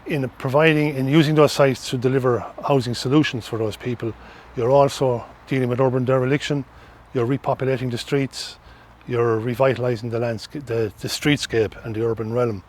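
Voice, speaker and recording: A man's voice: mid-range voice, fairly even intonation, a little fast, a little mellow. A middle-aged man with an Irish accent giving earnest, explanatory interview answers, often repeating and restarting phrases. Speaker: interviewee, social housing organisation representative.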